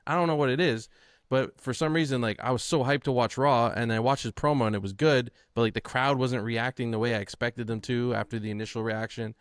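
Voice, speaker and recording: A man's voice: medium pitch, steady tone, brisk, clean tone, dry recording, studio quality. A man co-hosting a wrestling podcast in casual chat, building points by repeating phrases. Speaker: podcast co-host.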